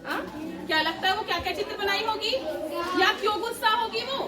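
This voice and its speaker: A woman storyteller telling a puppet story to children, keeping them engaged with constant questions. Her voice is very high and is caught from a distance in a large, echoing indoor hall. A crowd of children can be heard around her. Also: fairly quick, over music.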